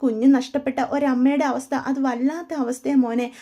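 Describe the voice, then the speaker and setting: A woman voicing an older father who gently soothes his grieving son. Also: high-pitched, fairly even intonation, brisk. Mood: consoling. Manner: soothing, coaxing.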